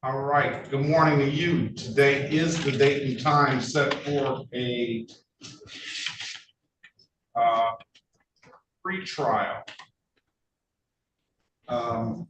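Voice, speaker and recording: A man presiding as judge in a courtroom recording of a video-call hearing, brisk and procedural, reading case numbers out slowly. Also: mid-range voice, fairly even intonation, fairly bright tone. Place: judge's meeting room. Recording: echoey room, distant mic, faint hiss.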